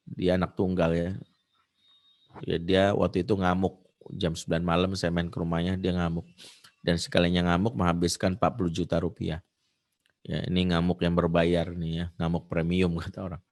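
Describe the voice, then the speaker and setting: A man, a preacher and counselor, giving a conversational religious talk with stories, dotting his lines with "ya". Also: deep voice. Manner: conversational, with frequent filler "ya". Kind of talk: religious study talk with storytelling.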